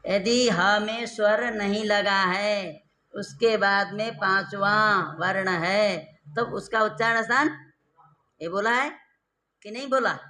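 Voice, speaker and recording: Slow high-voiced male teacher quizzing students. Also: bright, forceful tone. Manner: repeats terms and quizzes students with rhetorical questions; slow, drawn-out stressed syllables when explaining. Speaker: Sanskrit grammar teacher. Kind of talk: classroom lecture.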